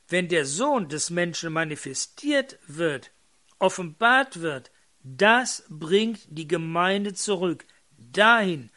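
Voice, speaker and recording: A man's voice: sits high, a bit bright. A man preaching a fervent sermon, quoting scripture and calling out exclamations to his congregation.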